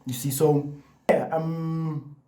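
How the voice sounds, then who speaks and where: Slow and steady in tone, a young man's fairly high, warm voice carries his casual talk to camera as a vlogger. He stutters, repeating words and restarting, and his speech is loose, full of "like" and "you know."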